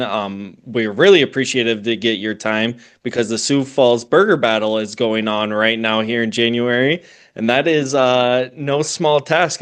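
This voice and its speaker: Man, podcast host, mid pitch, friendly, hesitant fillers. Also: a bit bright, clean tone. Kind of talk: casual interview hosting.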